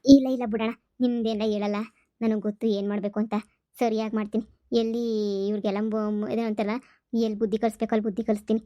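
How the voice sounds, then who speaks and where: A woman's voice: a little high, flat delivery, quick pace, warm tone, dry recording, clean studio sound, lightly acted. Woman voicing a scheming young daughter-in-law. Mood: resolute. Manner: plotting, resolute. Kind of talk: cartoon comedy dubbing.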